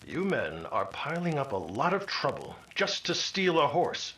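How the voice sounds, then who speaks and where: An actor playing an upright, fearless Mountie sergeant in an old-time radio serial, firm and formal. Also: male voice, a little high, wildly swooping pitch, a little slow, sharp tone, husky, full character voice, rough recording. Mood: calm, firm.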